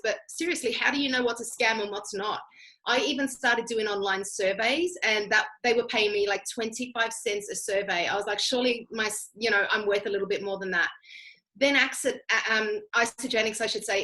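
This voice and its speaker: Speaking fairly quickly at a medium pitch, an Australian guest speaker shares a personal story as a conversational testimonial. Her steady tone sounds pushed and bright, she's chatty and emphatic, addressing listeners directly, and the recording is rough.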